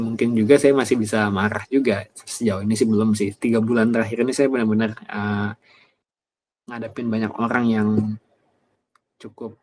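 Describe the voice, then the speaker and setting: Low-voiced man preaching casually. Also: a little hiss or hum. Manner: chatty, many fillers like gitu ya, personal anecdotes. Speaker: evangelist preacher. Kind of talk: casual conversational sermon.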